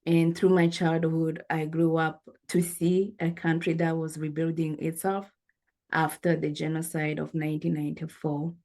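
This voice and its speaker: A Rwandan woman in her forties, speaking in a low, slightly mellow voice with a flat delivery, tells her life story as an interview guest. She is earnest and reflective, pausing with fillers.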